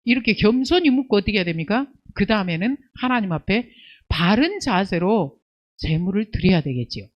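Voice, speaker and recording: A woman pastor preaching a sermon, asking rhetorical questions and answering them, scolding and rising to near-shouts on key points. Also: medium pitch, animated, brisk, muffled recording. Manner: emphatic preaching with rhetorical questions and call-and-response "예".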